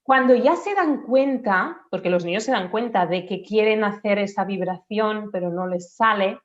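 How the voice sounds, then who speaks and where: A woman's voice: mid-range voice, normal speed. A woman patiently explaining speech development in an interview, sometimes demonstrating sounds aloud. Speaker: speech therapist guest. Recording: dull lo-fi audio.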